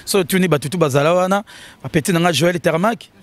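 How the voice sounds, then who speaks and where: High voiced guy chatting in an interview, gets all animated and jumps up in pitch. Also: quick pace. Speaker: interview guest. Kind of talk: casual interview talk in Lingala and French.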